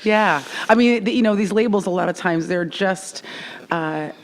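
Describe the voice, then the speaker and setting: A woman's voice: mid-range voice, moderate pace. A woman hosting a podcast, chatting casually with a guest and phrasing her questions in a thoughtful, searching way. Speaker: podcast host. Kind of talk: casual interview chat. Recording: long reverb.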